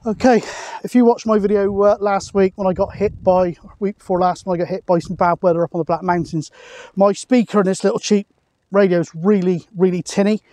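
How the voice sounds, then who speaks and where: A British man in his forties, a vlogger and CB radio hobbyist, chats casually to camera outdoors on an open hilltop. His voice is high-pitched, warm and brisk with a flat delivery, and there's no echo.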